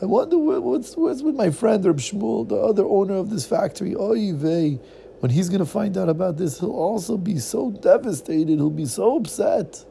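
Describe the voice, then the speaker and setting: A man putting on an anxious middle-aged businessman, high strained voice, gravelly edge, soft hiss behind. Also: lively intonation, normal speed. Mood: worried. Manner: frantic, fretful, exclaiming.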